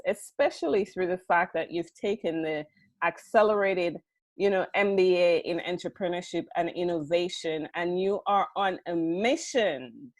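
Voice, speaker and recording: A woman's voice: on the low side, no echo. A woman hosts an interview podcast, greeting her listeners and introducing her guest with upbeat enthusiasm. Her voice is recorded close and dry, with no room sound around it. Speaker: podcast host.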